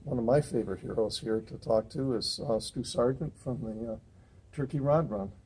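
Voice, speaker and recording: A man's voice: mid-range voice, normal speed, a little mellow, slightly rough. Rambling male interviewer at car show. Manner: rambling, many fillers and restarts. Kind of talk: casual interview.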